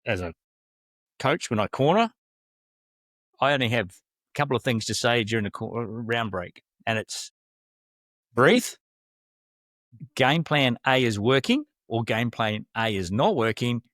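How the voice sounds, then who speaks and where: A man's voice: medium pitch, animated, measured pace, long pauses, fairly bright tone, no echo, clean studio sound. A man, a fight coach, hosting a casual interview and reflecting on coaching. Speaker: MMA coach and podcast host.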